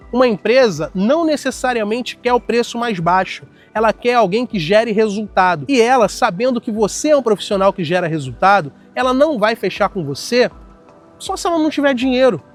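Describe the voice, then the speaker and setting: Firm high-voiced Brazilian man, blunt advice. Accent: Brazilian Portuguese. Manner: firm, blunt, speaks in an even tone. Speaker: self-help video host. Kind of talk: direct motivational monologue with anecdotes.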